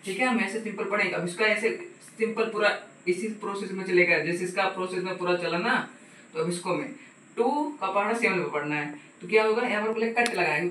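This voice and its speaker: A man's voice: high-pitched, bright, forceful tone, a little hiss or hum. Man, math tutor, patient and repetitive, echoey room, distant mic. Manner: patient, repeats "ठीक है" and asks the viewer questions. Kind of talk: casual step-by-step math lesson.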